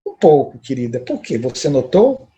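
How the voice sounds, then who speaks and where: A man's voice: mid-range voice, very animated, moderate pace, dark tone, muffled recording, natural voice. A man with a Brazilian accent voicing a shy, troubled young male student who speaks hesitantly and apologetically. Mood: sad. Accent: Brazilian Portuguese.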